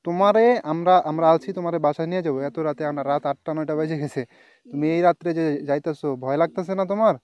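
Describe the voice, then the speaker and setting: A man's voice: a little high, fast talker, clean tone, no room sound, muffled recording. A young man, urgently soothing and reassuring a runaway child in a staged street skit, repeating himself over and over. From Bangladesh. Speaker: passer-by helping a runaway child.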